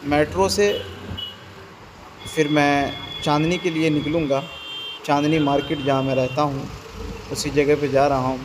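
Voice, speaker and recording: With a slightly high voice, little pitch movement, a measured pace and long pauses, a young vlogger narrates a casual walk, phone at arm's length. He points things out, repeating "ye dekhiye," as he moves from a large indoor mall to the street and a metro. Mall and traffic noise is loud.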